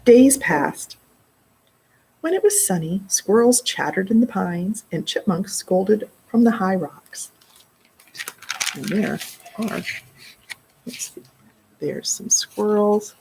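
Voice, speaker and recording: A middle-aged children's librarian reads aloud slowly and expressively in an indoor library children's room, pausing for casual asides and word explanations for young listeners. Her medium-pitched voice carries vocal fry and a slight hiss or hum, and the audio is poor.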